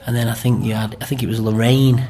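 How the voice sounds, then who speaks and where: This amateur pantomime performer, a middle-aged man from Greater Manchester, talks quickly in a warm, medium-pitched voice that barely moves in pitch. He chats loosely in an interview, often tacking on tag questions.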